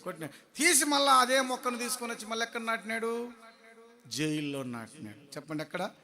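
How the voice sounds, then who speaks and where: A man preaching a sermon, throwing questions at the congregation and swinging between loud shouts and low murmurs. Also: expressive, brisk, creaky, in a large hall.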